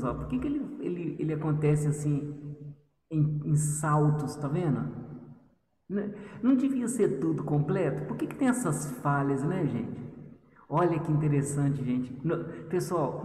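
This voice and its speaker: Chatty teacher in an echoey room. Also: male voice, on the high side, warm tone, recorded from a distance. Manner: chatty, teasing, talks to students as "gente". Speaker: histology teacher. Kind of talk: lively video lesson.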